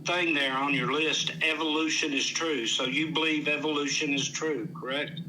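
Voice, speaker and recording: A man's voice: fairly high pitch, steady tone, normal speed, sharp tone, poor audio. An older man arguing in a heated debate, indignant and insistent, repeating himself for emphasis. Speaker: debater challenging evolution.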